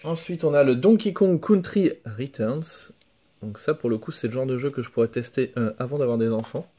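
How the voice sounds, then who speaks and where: A young man casually showing off his flea-market finds in a home vlog, relaxed and hesitant, full of fillers and self-corrections. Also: medium pitch, normal speed. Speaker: video game collector vlogger. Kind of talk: casual show-and-tell vlog. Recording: faint background music.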